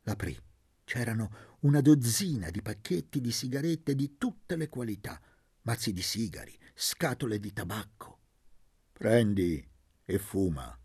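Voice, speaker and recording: A man narrating a literary novel as an audiobook, in a measured, expressive way. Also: mid-range voice, slightly rough, no room sound, studio quality.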